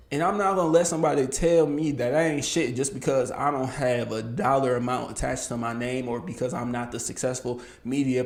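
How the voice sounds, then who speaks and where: A man's voice: mid-range voice, vocal fry, a little mellow, reverberant. A man in his early thirties hosting a solo podcast, talking candidly and reflectively, with bursts of emphasis. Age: 30s. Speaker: podcast host. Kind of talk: casual solo podcast monologue.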